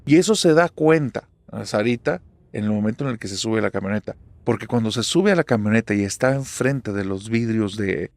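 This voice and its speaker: A man's voice: lowish voice, expressive, brisk, gravelly, dry recording. A man with a Mexican accent narrating a horror story for a podcast in a dramatic, conversational way.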